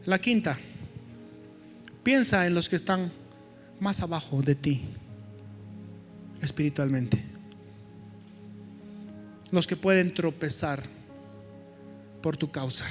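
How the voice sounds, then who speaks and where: A man's voice: a little high, slow pace, long pauses. A male pastor preaching a sermon in a conversational, joking way, with asides to the congregation. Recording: echoey hall with soft music.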